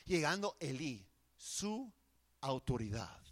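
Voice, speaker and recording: A man's voice: on the high side, very animated, slow, fairly bright tone. A man preaching a sermon in an earnest, emphatic way, often restarting his words.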